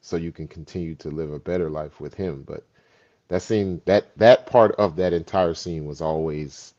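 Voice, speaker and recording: A man's voice: very deep voice, moderate pace, warm tone. A man, an actor, reflecting and telling stories in a casual conversation. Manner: reflective, storytelling. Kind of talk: casual chat. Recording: dull lo-fi sound.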